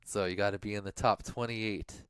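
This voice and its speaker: A man's voice: on the low side, fairly even intonation, moderate pace, a bit bright, clear, resonant tone, no room sound, studio quality. A man co-hosting a livestream, casually going over race standings and thinking aloud, sometimes mumbling to himself. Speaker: livestream co-host.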